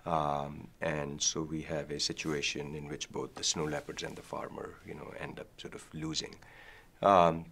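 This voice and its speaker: A middle-aged man from Pakistan, a professor, answering interview questions thoughtfully with many ums and pauses, in a studio. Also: very deep voice, fairly bright tone. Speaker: guest, professor. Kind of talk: academic interview. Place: dark studio set, seated.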